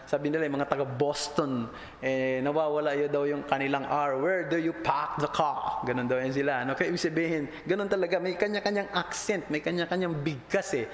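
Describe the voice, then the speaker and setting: A man's voice: steady tone, fairly quick. A man preaching a sermon as pastor, switching between Tagalog and English and lifting and dropping his voice to stress points. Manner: mixes Tagalog and English, rises and drops pitch for emphasis. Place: church sanctuary. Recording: echoey church hall with faint noise.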